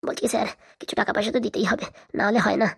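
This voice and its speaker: A woman voicing a sly, wheedling man who fixes deals in a cartoon comedy, with a voice pushed much lower than her own. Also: little pitch movement, very fast, creaky, husky, dry recording, studio quality. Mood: scheming. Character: sly grown man, village fixer, wheedling.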